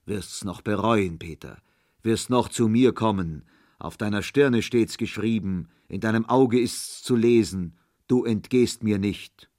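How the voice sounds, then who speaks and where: A man voicing a giant, menacing forest spirit who talks loud and booming in a storybook reading. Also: unhurried, close to an everyday voice. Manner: loud, booming, coaxing then threatening.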